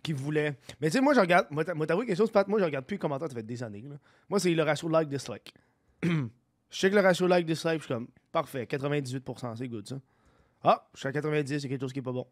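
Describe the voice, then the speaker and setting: A man's voice: on the high side, expressive, fast, no room sound, clean studio sound. A man with a Québécois accent chatting as a podcast guest, rambling, laughing and swearing. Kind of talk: casual chat.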